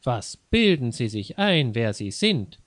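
A man's voice: mid-range voice, slow pace, dry recording, clean studio sound. A man voicing a young woman who is accused of stealing flowers. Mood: indignant. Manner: indignant, then calm.

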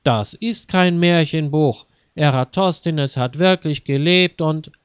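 A man's voice: a little high, slow, clear, resonant tone, dry recording, studio quality. A man voicing a bookish young boy who speaks earnestly and gets indignant. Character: bookish boy, easily annoyed brother.

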